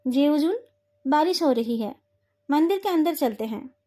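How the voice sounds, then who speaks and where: A woman's voice: high-pitched, expressive, a little slow, dark tone. A woman voicing a falsely polite, scheming male sect leader in a storybook retelling. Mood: smug. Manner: polite but threatening.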